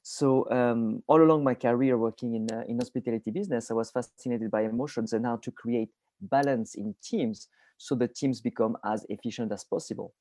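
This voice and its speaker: A French man in his forties, speaking with a French accent, answers interview questions conversationally as a podcast guest. His medium-pitched voice is mellow, and he pauses mid-sentence to hunt for words. The recording has no room sound.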